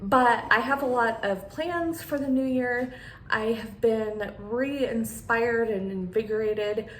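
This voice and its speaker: Lady doing a chatty sit-down vlog, bit of a lisp from her retainer, roomy echo, some background noise. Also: mid-range voice. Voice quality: slight lisp from wearing a new retainer. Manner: friendly rambling chat addressed to viewers. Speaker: beauty vlogger and channel host. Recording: echoey room with clear background noise.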